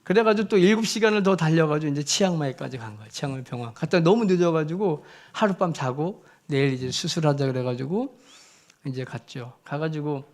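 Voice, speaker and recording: Animated storytelling missionary preacher, man. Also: fairly high pitch, brisk. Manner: animated, filler-heavy storytelling with big swings in loudness. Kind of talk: storytelling sermon. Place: church.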